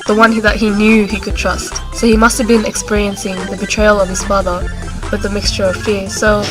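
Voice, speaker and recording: A woman's voice: medium pitch, flat delivery, a little fast, over music. A young woman giving casual, conversational rebuttals in an informal book debate. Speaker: student debater.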